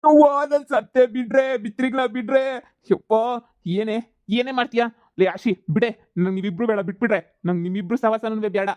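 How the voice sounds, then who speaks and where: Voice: mid-range voice, moderate pace, darkish tone, dry recording, lightly acted. A performer voicing a cornered cartoon husband, wailing and pleading in a mid-range voice. He bargains and mutters sulky threats. The sound is dry and close. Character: cheating village husband, whiny and cornered. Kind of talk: cartoon comedy dubbing.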